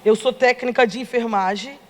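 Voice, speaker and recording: A middle-aged Brazilian woman giving a lively testimony to a congregation, acting out the dialogue as she tells the story. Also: fairly high pitch, normal speed. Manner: animated storytelling, acts out dialogue. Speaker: church member giving testimony. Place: church hall. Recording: long reverb of a church hall.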